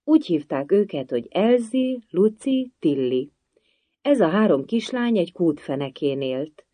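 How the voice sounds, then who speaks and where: Reader doing a half-asleep dormouse, mumbly and slow, warm dry storybook sound. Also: medium pitch, big pitch swings, no room sound, pitched above the performer's own voice. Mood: sleepy.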